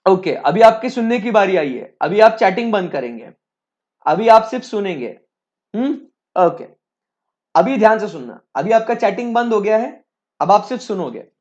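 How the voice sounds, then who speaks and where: A man's voice: sits high, a little mellow, dull audio. A male teacher giving a live online lecture, talking conversationally and repeatedly checking in with his students.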